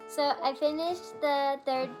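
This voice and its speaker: A woman's voice: high-pitched, steady tone, unhurried, music in the background. A woman vlogging at home in a casual, rambling way, often using "like" as a filler while she chats about her crafting. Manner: rambling, chatty, many "like" fillers. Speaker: crochet vlogger. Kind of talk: casual vlog chat.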